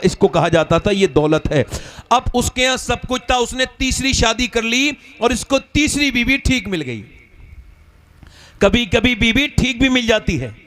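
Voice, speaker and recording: A man preaching a storytelling sermon, acting out the characters as he tells the tale. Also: high voice. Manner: animated, acts out the characters in the story.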